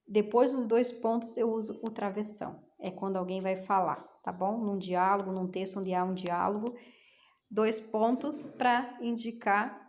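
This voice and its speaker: A middle-aged woman teacher from Brazil, patiently explaining homework to young pupils and asking them questions to coax answers. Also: mid-range voice. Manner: patient, coaxing, asks rhetorical questions. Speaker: schoolteacher.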